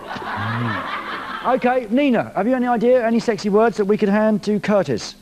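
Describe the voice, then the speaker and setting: A man hosts a live television music show in a studio, reading out viewer messages with a jokey, playful edge. His voice sits high and swoops around animatedly. A faint hiss of noise lies under it. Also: sing-song, moderate pace.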